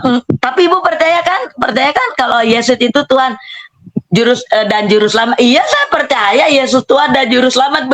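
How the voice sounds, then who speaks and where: A woman's voice: fairly high pitch, fairly bright tone. A middle-aged woman, animatedly telling her own story in a casual spoken testimony and acting out the dialogue. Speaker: testimony speaker.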